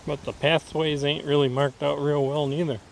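A man's voice: on the high side, level tone, moderate pace, vocal fry, a little hiss or hum. A man from Wisconsin vlogging casually while exploring a wooded preserve outdoors, thinking aloud in a folksy way. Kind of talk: casual walking vlog commentary.

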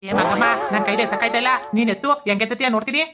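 A man playing a fussing village man with a Mandya Kannada accent, exclaiming in rapid bursts. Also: high-pitched, fairly even intonation, a crowd in the background, lightly acted.

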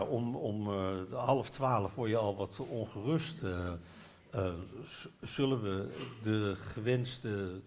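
An older Dutch man spins a lively, rambling story at a literary café, gesturing as he talks. He restarts his sentences and hesitates, then pushes on with real enthusiasm. He is miked on a headset on a bookshop stage. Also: mid-range voice, slight background noise. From Netherlands. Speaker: guest author. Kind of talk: live literary café talk. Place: bookshop stage before a live audience. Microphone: headset mic.

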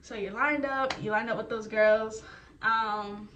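A young woman vlogger casually retelling her experience in a chatty, animated way. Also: fairly high pitch, a little slow. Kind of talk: casual storytelling. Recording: roomy, distant, faint noise.

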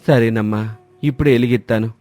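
A gentle old villager who lives alone, voiced by a man, talking in a mellow, warm tone. He is soothing and unhurried in manner, and he speaks as a storybook grandfather would. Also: mid-range voice, fairly even intonation, lightly acted. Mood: reassuring. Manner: gentle, reassuring. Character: lonely old village man, calm and kindly.

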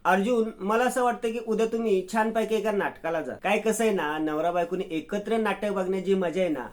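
A man doing a cheerful middle-aged mother from a retold serial who hands out fond advice. The voice stays high and close to the narrator's own. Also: brisk, natural voice.

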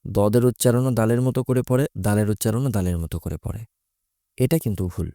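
A man's voice: fairly low pitch, fast, mellow, no room sound, clean studio sound. A man teaching Quran recitation, explaining Arabic letters patiently and methodically, repeating each letter's sound.

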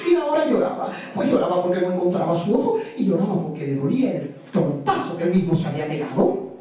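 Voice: mid-range voice, lively intonation, quick pace, dark tone, slight background noise. A storyteller telling a folk tale live with playful, sing-song repetitions. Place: live event room. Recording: echoey live room from far off.

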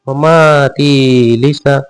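A man's voice: mid-range voice, steady tone, slow, clear, resonant tone, voice pushed up, close to an everyday voice, poor audio. A man voicing a flustered young husband who hesitates, fumbles and repeats himself as he answers his mother.

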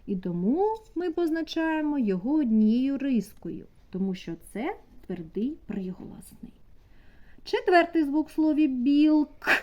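Slow, lilting kindergarten teacher woman. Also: high voice, sing-song, dull audio. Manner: slow, sing-song questioning of young children. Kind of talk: leading a preschool class. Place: kindergarten classroom.

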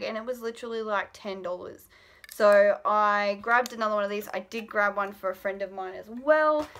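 A woman's voice: mid-range voice, sharp tone. An Australian woman in her late twenties chatting casually about a product haul in her bedroom, rambling with lots of ums. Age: late 20s. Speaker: vlogger. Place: bedroom at home. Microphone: built-in camera mic at arm's length.

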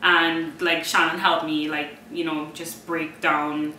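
A woman's voice: low-pitched, flat delivery, slow pace, sharp tone, a little hiss or hum. Young female student, hesitant casual chat full of fillers, distant roomy mic. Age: young adult. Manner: hesitant, many ums and likes. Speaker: university student.

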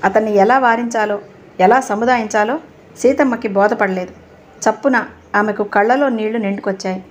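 A woman narrating a novel aloud in a steady storytelling reading. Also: medium pitch, moderate pace. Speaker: audiobook narrator.

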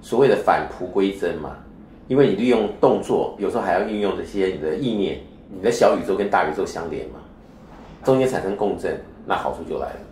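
A man speaks as a spiritual teacher in an interview, his voice sitting very low. He explains at length and keeps turning his points into rhetorical questions. The room around him is echoey, with a faint hiss underneath. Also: expressive, brisk, darkish tone. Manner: lecturing, with frequent rhetorical questions.

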